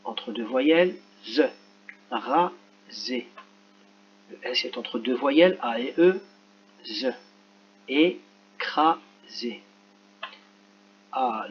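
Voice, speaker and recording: A man talks children through a phonics correction, slow and careful, sounding out each letter. His voice sits at an ordinary pitch. The recording is a little dull, with a faint hum underneath. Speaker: teacher. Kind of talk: screen-recorded lesson correction.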